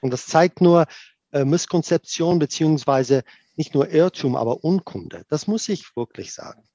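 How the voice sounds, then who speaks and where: A middle-aged South African man whose first language is Afrikaans, appearing as a tour operator guest, answers interview questions in German with an Afrikaans accent. He's animated, with many restarts and fillers and the odd English phrase, his voice fairly high at a moderate pace. The recording has no echo and the highs are cut off.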